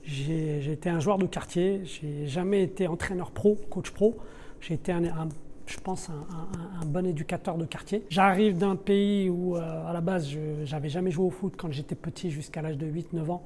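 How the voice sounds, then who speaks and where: A fairly high, darkish voice at normal speed and fairly even intonation, with a little hiss or hum in the background. It belongs to a middle-aged deputy sporting director of a football club, not born a French speaker, who explains his work unscripted in a podcast interview while searching for and repeating words.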